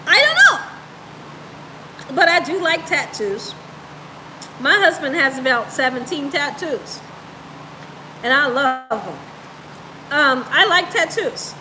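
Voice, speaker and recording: Her voice sits high and expressive as she talks slowly, pausing often, with noise behind her. She's a woman of roughly thirty to fifty hosting a home cooking livestream, chatting casually and playfully with viewers and repeating phrases for emphasis.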